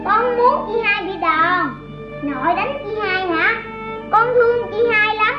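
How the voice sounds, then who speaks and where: A woman's voice: very high-pitched, a little slow. A cheeky little boy. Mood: earnest. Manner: childish, outspoken and stubborn. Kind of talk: radio drama acting. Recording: echoey, dull old radio recording with music.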